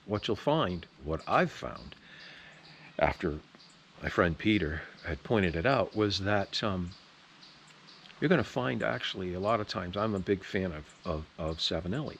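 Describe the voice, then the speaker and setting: A man's voice: deep voice, animated, unhurried, vocal fry, a bit bright, a little hiss or hum. A man chatting casually to camera as a pipe tobacco vlogger, rambling along in an opinionated, folksy way. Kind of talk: casual rambling video chat.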